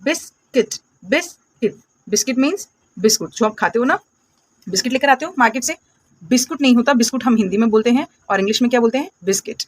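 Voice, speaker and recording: A woman gives a classroom phonics lesson, her voice pitched a little high. She asks her viewers a question, answers it herself and says each word slowly twice. The sound is close and dry, with no room echo. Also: lively intonation. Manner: patient, calls viewers "my dear friends" and "beta". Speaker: English teacher.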